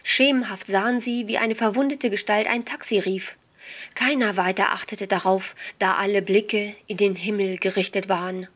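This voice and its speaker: A woman narrating a short crime story, reading it aloud in a steady storytelling manner. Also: medium pitch, moderate pace.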